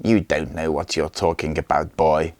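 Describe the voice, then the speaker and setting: A man's voice: a bass voice, flat delivery, normal speed, darkish tone, dry recording. A man doing a smug cruel Viking warlord. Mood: smug mocking. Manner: mocking and smug.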